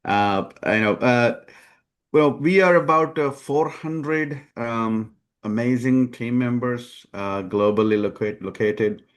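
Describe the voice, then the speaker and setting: A man being interviewed as a company founder, speaking in a measured way with many hesitations. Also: mid-range voice. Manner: measured, many ums and uhs. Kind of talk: conversational interview.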